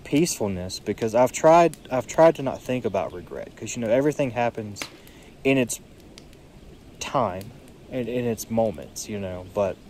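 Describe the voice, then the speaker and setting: Sleepy young guy rambling by a creek, low mellow voice, faint water and birds behind. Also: animated, a little hiss or hum. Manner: musing, fills pauses with "you know". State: tired, yawning. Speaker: podcast vlogger. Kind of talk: reflective solo monologue. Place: outdoors, seated beside a creek.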